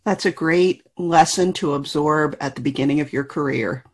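A woman's voice: low voice, moderate pace, husky. A woman hosting a podcast, reading a scripted introduction and asking friendly interview questions. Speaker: podcast host.

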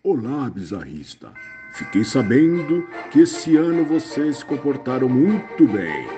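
A man voicing a jolly old Santa Claus who greets listeners with hearty ho-ho laughs. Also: very animated. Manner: booming ho-ho laughs, slow warm greeting. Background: music.

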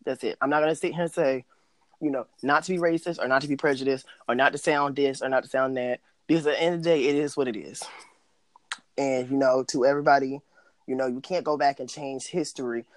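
A man's voice: medium pitch, fairly even intonation, quick pace, no room sound. A man co-hosting a casual podcast, speaking frankly and rambling with many restarts and fillers. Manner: frank, tells it like it is. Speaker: podcast co-host. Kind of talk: casual chat.

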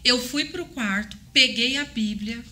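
A woman with a Brazilian Portuguese accent telling a personal faith testimony in an animated way, acting out the voices in her story. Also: fairly high pitch, a little slow, a little hiss or hum. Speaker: guest sharing a testimony.

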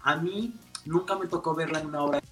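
A man with a Mexican accent, a makeup artist telling stories in a casual, lively interview. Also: on the high side, fairly quick, soft background music. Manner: animated, expressive, many fillers.

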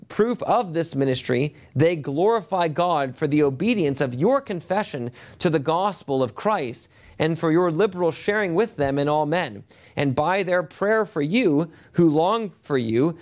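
A male pastor preaching a sermon at a pulpit microphone in a church. He reads scripture in a measured way and often halts with fillers when he speaks freely. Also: on the high side, animated, a little mellow. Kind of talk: sermon with scripture reading and prayer. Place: church sanctuary.

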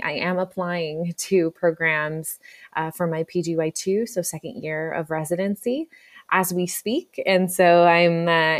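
Low-voiced young woman, earnest and chatty. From Czech Republic. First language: Czech. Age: 20s. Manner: earnest, talkative, frequent "you know" and "um" fillers. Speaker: pharmacy resident guest. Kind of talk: podcast interview answers.

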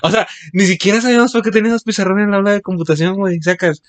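A man's voice: sits high, fairly even intonation, racing, no room sound. A young man with a Mexican accent chatting casually, full of slang, telling school stories. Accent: Mexican Spanish. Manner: slangy, says "güey" constantly, laughs as he tells stories. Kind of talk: casual chat.

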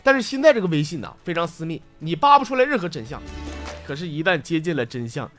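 Brief: joking male host with a Northeastern accent, lively and slangy, swooping delivery. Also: fairly high pitch, quick pace. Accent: Northeastern Mandarin. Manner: teasing, animated, slangy. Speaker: host reading listener stories. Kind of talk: comic storytelling. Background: background music.

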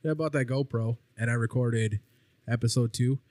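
A man's voice: mid-range voice, moderate pace, a little mellow, no echo. Young guy shooting the breeze on a podcast, cussing a lot, dry close mic. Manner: laid-back, swears freely. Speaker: podcast co-host. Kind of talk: casual chat over drinks.

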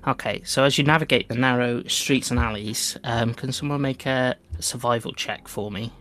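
A man's voice: mid-range voice, normal speed, a bit bright. A man acting as game master, casually narrating a tabletop game.

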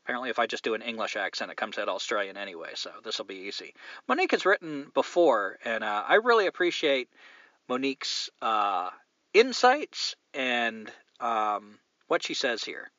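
A man's voice: medium pitch, sing-song, moderate pace, sharp tone, no room sound, muffled recording. A man hosting a casual solo podcast from a car, reading listener mail with a rambling, joking, profane manner. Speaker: podcast host.

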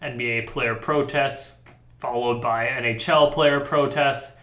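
A young man co-hosting a casual sports podcast, easygoing and quick to laugh. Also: medium pitch. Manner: relaxed, easygoing, laughs often. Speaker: podcast co-host. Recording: roomy echoey sound.

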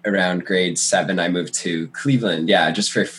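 A young man who grew up in Canada, a drummer chatting as a guest in an interview, relaxed and hesitant with many ums. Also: low-pitched, moderate pace, a little hiss or hum. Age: young adult. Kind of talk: casual interview chat.

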